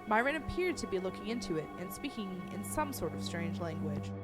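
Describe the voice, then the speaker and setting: A woman storyteller narrating a horror story in a suspenseful way, growing hushed at tense moments. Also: medium pitch, very animated, fairly quick. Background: music.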